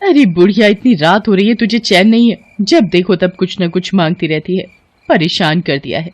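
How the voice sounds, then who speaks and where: A woman voicing a vain, spiteful young sister-in-law in an animated story, loud and complaining. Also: on the low side, moderate pace, dry recording, natural voice.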